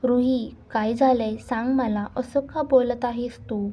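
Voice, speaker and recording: A woman voicing a lively, teasing young woman who looks out for her friend in a read-aloud story. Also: a little high, measured pace. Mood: worried. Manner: teasing and protective.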